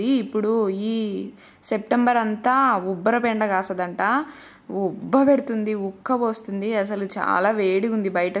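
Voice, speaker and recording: A woman in her thirties with a Rayalaseema Telugu accent, chatting through her family's daily routine as a vlogger and mother. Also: mid-range voice. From Andhra Pradesh, India. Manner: chatty, homely storytelling. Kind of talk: casual narrated vlog voice-over.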